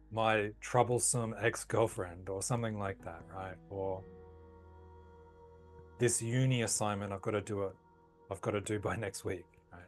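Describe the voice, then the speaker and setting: Low-voiced guy calmly walking you through tapping, soft music in the back. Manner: calm, slow, soothing guidance. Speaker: tapping practitioner. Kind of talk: guided tapping session.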